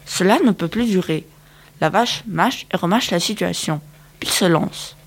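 A woman narrates a children's picture-book audiobook in a lively, engaging way, addressing young listeners directly. Her voice is lowish, unhurried, and slightly rough.

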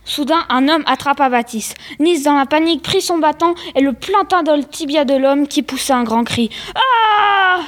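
A woman reads a tense story aloud in plain narration. Her voice sits high. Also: moderate pace, few pauses.

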